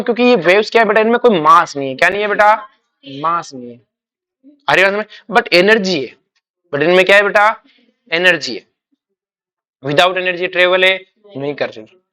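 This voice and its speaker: High-pitched, bright-voiced male chemistry teacher. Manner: asks quick check questions and repeats key words; calls students "beta", uses homely examples. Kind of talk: classroom lecture.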